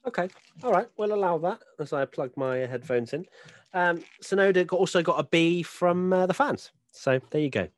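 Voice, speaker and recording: A woman's voice: on the low side, animated, moderate pace. A woman co-hosting a casual panel chat, teasing and upbeat. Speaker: co-host.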